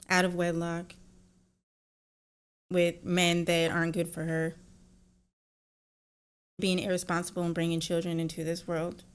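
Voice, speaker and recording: A woman's voice: fairly low pitch, smooth. A woman hosting a reaction video, giving blunt, opinionated commentary that often turns into a lecture. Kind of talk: casual commentary.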